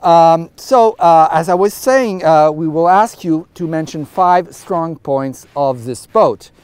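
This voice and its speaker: Out on a catamaran deck, a middle-aged man hosts a boat review interview, chatting in a relaxed way full of fillers into a lapel mic. His voice sits on the high side and he takes it slowly, with a clean tone and no room sound.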